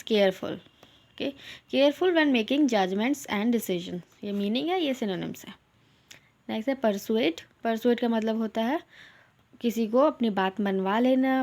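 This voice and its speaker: Young woman tutor, fairly high voice, explains words, slows down for English examples. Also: darkish tone. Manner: mixes English words into explanations, repeats "theek hai"; reads English example sentences slowly. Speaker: English teacher for exam aspirants. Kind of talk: online lesson, explaining vocabulary.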